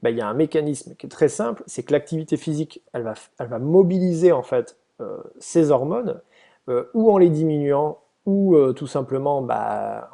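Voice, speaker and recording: A man's voice: mid-range voice, vocal fry, warm tone. A man giving a casual, explanatory slide presentation to volunteers, hesitant, with many fillers and restarts.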